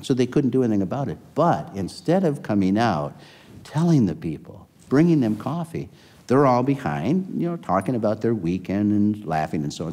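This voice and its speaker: In this oral history interview, an older man rambles through career stories and keeps restarting his sentences. His voice is on the low side with a dark tone, heard through a long hall reverb.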